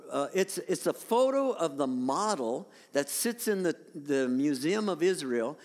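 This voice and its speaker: A man's voice: on the high side, sing-song, a little slow, a little mellow. A man preaching a conversational sermon to his congregation, showing pictures on a screen and restarting his sentences often. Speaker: pastor. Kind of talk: sermon with slides. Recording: long hall reverb.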